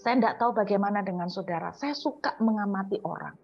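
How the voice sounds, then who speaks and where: A woman preacher, giving an earnest sermon and drawing out key words slowly for emphasis. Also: mid-range voice, gravelly, slightly rough, highs cut off, soft background music.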